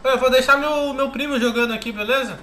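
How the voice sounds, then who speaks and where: A man's voice: very high voice, fast, background noise. A young man with a Brazilian accent, chatting casually and persuasively with teammates over game voice chat. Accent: Brazilian Portuguese. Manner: easygoing, persuasive, slangy. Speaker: gaming youtuber.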